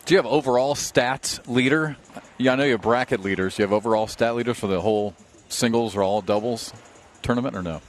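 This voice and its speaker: Teasing male co-commentator, mid-pitched. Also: quick pace, a little hiss or hum. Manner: teasing, reads viewer questions. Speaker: cornhole co-commentator. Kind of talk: casual sports commentary. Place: commentary booth at a tournament.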